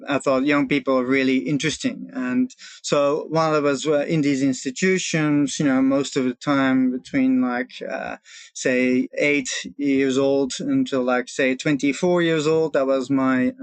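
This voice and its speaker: Halting man, dry sound. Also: medium pitch, no echo. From Belgium. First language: Dutch. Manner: halting, frequent uh and you know. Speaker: guest, social worker. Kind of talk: conversational interview.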